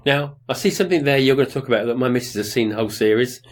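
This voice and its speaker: A man's voice: medium pitch, racing. A man, co-hosting a podcast, with joking asides and short replies in casual chat. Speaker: podcast co-host.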